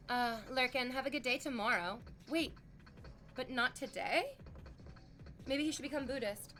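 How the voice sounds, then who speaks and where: This woman, a thirtysomething streamer, talks casually with her viewers and their live chat, frank and rambling, leaning heavily on "like." Her voice sits on the high side with a sharp tone, and there's a little hiss or hum in the audio.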